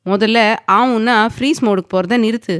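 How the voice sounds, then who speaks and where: A woman's voice: on the high side, fairly quick, dry recording, clean studio sound, pitched above the performer's own voice, close to an everyday voice. A woman voicing a domineering, possessive young man who speaks firmly and commandingly, sometimes teasing.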